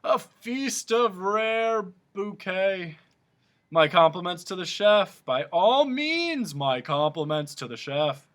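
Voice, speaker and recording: A man's voice: high-pitched, very animated, slow pace, fairly bright tone, pitched above the performer's own voice, exaggerated voice. A man voicing a pompous, wheezing male humbug, a bug-like creature who talks in flowery, repetitive phrases.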